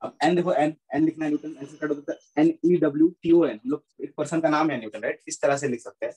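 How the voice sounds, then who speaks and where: A man with a fairly high voice teaches a physics class, talking as he writes on the board. He says things twice, mixes Hindi with English terms, and keeps asking whether the students understand. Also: steady tone, fast talker, a little mellow, breathy edge, poor audio. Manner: repeats points, checks understanding often.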